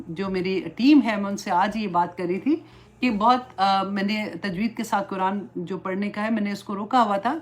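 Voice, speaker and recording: A middle-aged woman religious teacher giving an earnest, pleading lecture, mixing English words into her talk. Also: mid-range voice. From Pakistan.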